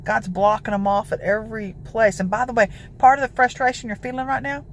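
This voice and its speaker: A woman with a gravelly voice giving informal, emphatic devotional exhortation as a prayer preacher. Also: fairly high pitch, fairly even intonation, fairly quick, a little hiss or hum. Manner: emphatic, declarative, peppered with scripture citations.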